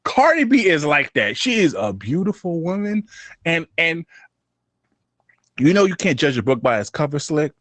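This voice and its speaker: A man co-hosting a casual podcast, talking in animated bursts that swing between loud outbursts and low mumbles. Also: normal speed, no echo. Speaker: podcast co-host.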